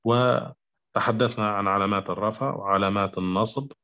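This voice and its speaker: Slow, repetitive male grammar teacher. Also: fairly low pitch, fairly even intonation, fairly bright tone. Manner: slow, repetitive, asks "clear?" often. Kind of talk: classroom grammar lesson. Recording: dull lo-fi recording.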